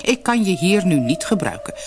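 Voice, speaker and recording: A woman's voice: on the low side, big pitch swings, normal speed, noisy background. A woman reading the lines of a busy father who brushes off his son in a fairy tale. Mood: brusque. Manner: curt, dismissive. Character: busy, brusque father carving wood.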